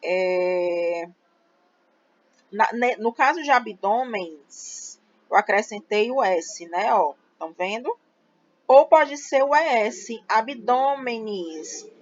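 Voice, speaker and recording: A woman teacher, explaining a grammar lesson slowly and patiently, spelling out syllables for her students. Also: mid-range voice, animated, slight background noise. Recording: slightly dull lo-fi audio.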